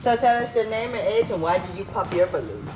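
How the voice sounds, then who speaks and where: A woman's voice: medium pitch, lively intonation, fairly quick, rough recording. A woman hosting a dating show, asking teasing, playful questions. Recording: loud crowd behind.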